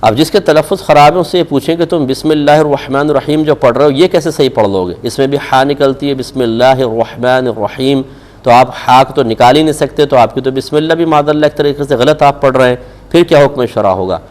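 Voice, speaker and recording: A man with a rather high, darkish voice and a Pakistani Urdu accent responds to religious questions on a live TV show. He's firm and scolding in tone, using rhetorical questions to make his case.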